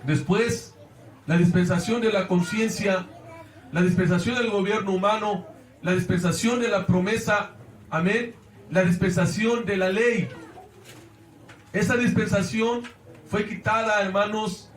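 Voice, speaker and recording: A man's voice: high voice, steady tone, a little slow, long pauses, slight background noise. A man with a Mexican Spanish accent preaching a sermon as pastor of a church, earnestly calling out to the congregation. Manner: earnest preaching, often addressing the congregation as brothers. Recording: echoey church from a distance.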